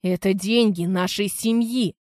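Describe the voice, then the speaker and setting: A woman's voice: medium pitch, unhurried, a little mellow, dry recording, studio quality, close to an everyday voice. A woman reading an audiobook, voicing an angry adult son who roars threats. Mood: furious. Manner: roaring threats.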